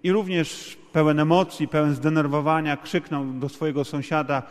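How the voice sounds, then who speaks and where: A man's voice: a little high, steady tone, normal speed. A man interpreting a sermon in a church, restating each point at length with fillers. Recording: long hall reverb.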